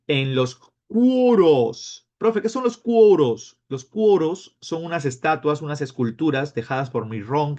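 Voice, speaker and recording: A man teaching a class, lively and playful, acting out his students' questions. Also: mid-range voice. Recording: dull lo-fi sound.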